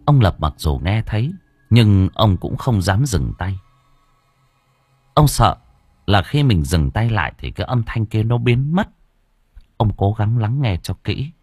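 A man narrating a horror story in a dramatic, expressive way. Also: fairly low pitch, a little slow, long pauses, slightly rough, no echo. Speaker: audiobook narrator.

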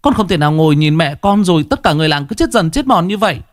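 In a storybook horror tale, a man voices a frightened yet stubborn young village girl, pitching above his natural voice into a mid-range, sing-song, slightly mellow tone. She speaks a little slowly, urgent and pleading. The studio-quality recording has no room sound.

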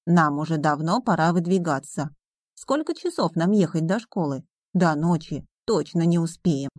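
A lively, cheerful schoolgirl eager to be on her way, as a woman narrator puts her on. She sounds impatient. The voice is low and mellow. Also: moderate pace, no room sound.

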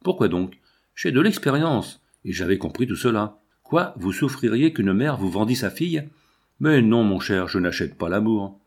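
A man reading aloud and voicing a composed, worldly middle-aged gentleman with a calm, assured manner. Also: lowish voice, moderate pace, husky, heavily acted.

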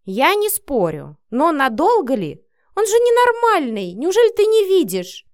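A woman reading an audiobook voices an outspoken, gossipy young female coworker who chatters in a lively way. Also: high-pitched, dry recording, clean studio sound, pitched above the performer's own voice. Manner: lively, chattering, with a quick laugh.

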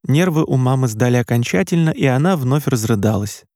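An audiobook narrator, a man with a medium-pitched voice, reads a novel in a measured, even storytelling style. The scripted narration is recorded dry, at studio quality.

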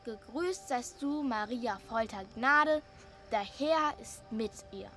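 A woman's voice: on the high side, a bit bright, faint music behind. An actress voicing stubborn little girls who bicker and repeat each other in a radio drama. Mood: squabbling. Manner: quick childish bickering, repeating lines.

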